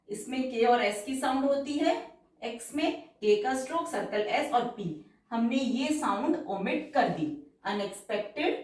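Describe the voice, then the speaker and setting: An Indian woman teaching shorthand, dictating words slowly and then explaining each outline step by step. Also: a little high. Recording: echoey room, voice far from mic.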